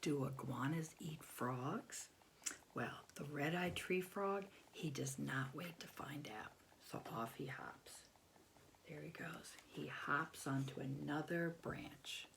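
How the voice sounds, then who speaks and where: In a low, creaky voice and at a slow pace, a woman in her fifties from the US reads a picture book aloud to little kids, expressive and full of simple explanations and questions. She's indoors in a small home bedroom, with a little hiss or hum on the recording.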